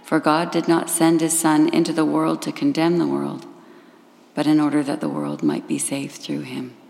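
A woman giving a measured, formal gospel reading in a church service, heard with a cathedral echo. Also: low-pitched, vocal fry, a little mellow. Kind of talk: liturgical scripture reading. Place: large church sanctuary. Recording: echoey church hall with long reverb and faint ambience.

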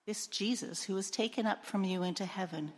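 A woman's voice: medium pitch, fairly quick, slightly rough. A woman giving a solemn, formal liturgical gospel reading in a large, echoing church. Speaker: gospel reader, clergy. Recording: cathedral-like echo, long church reverb.

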